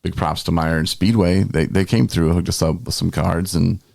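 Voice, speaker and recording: Deep, creaky-voiced male podcast host. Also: fairly even intonation, a little fast, a little mellow, dry recording, studio quality. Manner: rambling, conversational. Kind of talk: casual chat.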